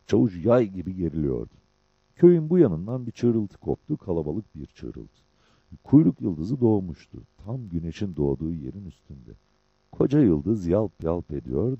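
A man narrating an audiobook in a measured storytelling manner, in a dull lo-fi recording. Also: low voice, very animated, breathy edge, no room sound.

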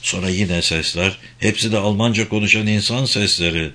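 A man narrating a thriller audiobook in a steady, measured reading. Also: fairly low pitch.

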